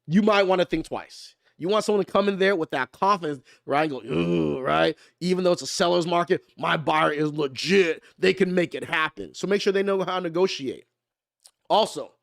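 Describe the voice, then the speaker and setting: A man with a fairly high voice talks through his topic in a loose, playful way, tossing in slang and asking his viewers whether they follow. The sound is dry and close, with no room around it. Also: no echo. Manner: conversational, keeps asking "right?". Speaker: mortgage lender hosting a live stream. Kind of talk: casual explainer talk.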